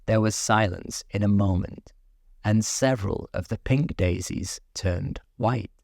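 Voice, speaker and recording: Soothing bedtime narrator, male, gravelly, unhurried. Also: fairly low pitch, no room sound, clean studio sound. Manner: slow, soothing and expressive. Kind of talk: calm bedtime story reading.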